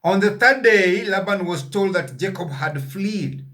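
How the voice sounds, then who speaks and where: Slow, halting male Bible teacher. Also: high-pitched, animated, a bit bright. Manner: reads verses then explains them, asks listeners questions; halting, with frequent "uh" fillers. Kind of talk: Bible reading and sermon commentary.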